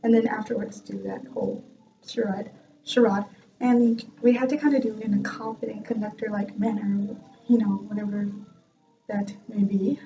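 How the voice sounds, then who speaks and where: In a chatty vlog, a young adult woman who studies music tells a self-mocking story from her class, laughing often. Her mid-range, warm voice is flat and moderately paced, and the sound is dull and lo-fi, captured off-mic from a distance.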